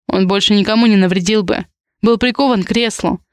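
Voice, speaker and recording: A woman's voice: medium pitch, fairly even intonation, fairly quick, no room sound, clean studio sound, natural voice. A woman voicing a blunt, possessive tough guy. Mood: gruff. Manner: blunt, clipped, slangy lines. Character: tough, possessive young man, blunt and protective.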